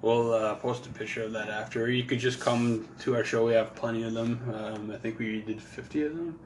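A man's voice: mid-range voice, fairly even intonation, fairly quick, a little hiss or hum. Man announcing event details casually. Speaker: event co-host. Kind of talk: casual live-stream chat.

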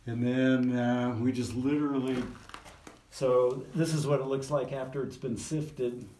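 A man's voice: medium pitch, measured pace. Man, casual tour guide, practical explaining, poor-quality field recording, far from the mic, faint background noise. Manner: relaxed, practical, hands-on explaining. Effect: poor-quality, distant field recording. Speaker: community member giving a tour. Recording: distant, echoey, noisy field recording.

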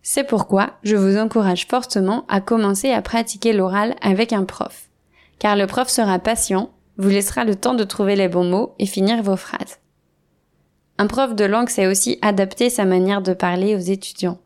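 French teacher lady explaining stuff slow and clear, mid-pitched voice, podcast lesson vibe. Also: steady tone, darkish tone. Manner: clear, deliberate explaining with spoken examples. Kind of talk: scripted language lesson.

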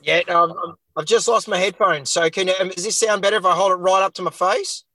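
A man co-hosting a podcast in casual, jokey chat. His voice sounds thin and tinny with no bass, as if it is coming through a device without headphones. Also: steady tone, bright, forceful tone, dry recording. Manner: jokey, quick with puns. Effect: thin tinny sound with no bass after his headphones died. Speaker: podcast co-host. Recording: tinny, far from the mic.

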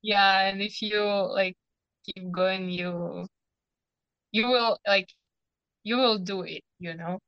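A young woman with a Ukrainian accent, a guest chatting casually over a video call, halting and searching for her words. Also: mid-range voice, fairly even intonation, smooth, dry recording, muffled recording. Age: young adult. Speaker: guest athlete. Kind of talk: casual interview chat.

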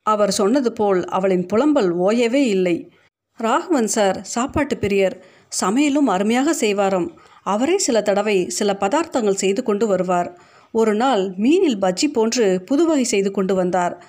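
A woman narrating a short story in a steady, reflective reading voice. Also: medium pitch, normal speed. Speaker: story reader. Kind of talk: scripted narration.

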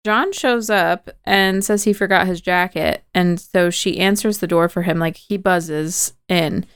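A woman's voice: lowish voice, unhurried, smooth, no room sound, studio quality. A woman podcast host casually retelling a movie plot, chatty and full of "like" and "kinda".

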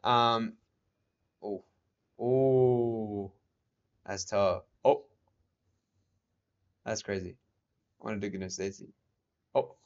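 A man's voice: on the low side, level tone, slow pace, long pauses. A young man co-hosting a casual podcast outdoors, talking loosely and laughing over a game. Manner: laid-back, laughing, many fillers. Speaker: podcast co-host. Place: outdoors in a neighborhood. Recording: slightly dull audio.

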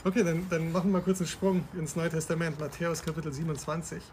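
A man's voice: fairly high pitch, flat delivery, quick pace, darkish tone, slight background noise. A man hosting a podcast, explaining Bible passages step by step in a conversational way and asking his listener questions. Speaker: podcast host.

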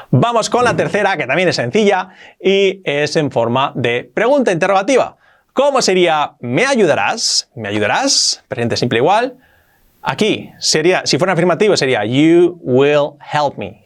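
A man with a Spain Spanish accent teaching English as a video lesson, emphatic and repeating example sentences. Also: fairly high pitch.

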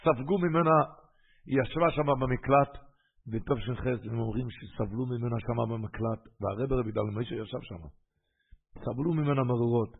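A man's voice: mid-range voice, creaky, slightly rough. A man, a rabbi, telling stories in a sermon and acting out the people he quotes. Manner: lively storyteller who acts out the quoted speakers. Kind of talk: storytelling sermon. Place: synagogue hall. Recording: tinny phone-like line.

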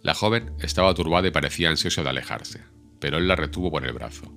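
A man narrating a classic novel as an audiobook, measured and expressive. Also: a bass voice, vocal fry, soft background music.

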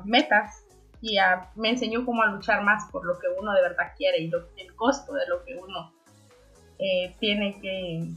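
Brief: woman in her twenties from Honduras, interview guest, halting and full of fillers, dull lo-fi sound with faint music. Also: mid-range voice, a bit bright. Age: 20s. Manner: hesitant, many fillers and restarts. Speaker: guest, young entrepreneur. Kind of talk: conversational interview answers.

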